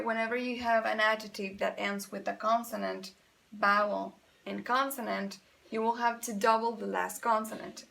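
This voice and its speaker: Gravelly-voiced woman teaching grammar. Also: a little high, fairly bright tone. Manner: patient, explains step by step, repeats examples; switches between Spanish and English. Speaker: English teacher. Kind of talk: bilingual grammar lesson.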